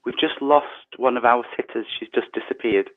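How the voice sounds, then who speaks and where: A man leading an online prayer service, his voice tinny through an earpiece mic, reading prayers softly and slowly. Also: medium pitch, fairly even intonation. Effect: tinny sound from a changed earpiece mic. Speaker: service leader. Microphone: earpiece headset mic. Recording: tinny phone-like online call.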